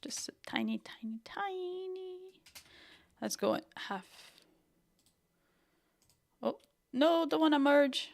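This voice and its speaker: High-pitched and animated, a young woman from Brazil speaks at a slow pace with a gravelly voice and frequent pauses. She leads a chatty livestream design tutorial, muttering to herself and thinking aloud while working, with a Brazilian accent mixed with Northern Irish.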